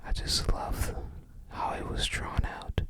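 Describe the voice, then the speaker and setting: Whispering breathily without voicing, an ASMR host slowly narrates an unboxing. The commentary is gentle and rambling.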